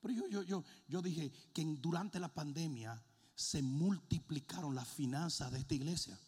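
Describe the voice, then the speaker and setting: A middle-aged man, a pastor, preaching a sermon with a comic story, animated, swinging from low asides to shouting and mixing in English words. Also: normal speed, slightly rough, big-room sound.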